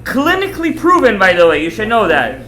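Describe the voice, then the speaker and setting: A man teaching a Torah class as a rabbi, animated and emphatic, repeating phrases, asking rhetorical questions and dropping in Hebrew terms. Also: sits high, fairly quick, echoey room. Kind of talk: animated religious lecture to students.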